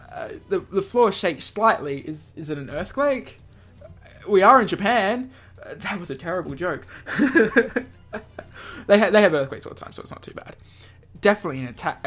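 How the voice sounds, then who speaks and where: A man with a high-pitched, sharp voice hosts a let's play, reading a visual novel aloud. He tosses in off-the-cuff asides and stumbles over words, with music playing behind him.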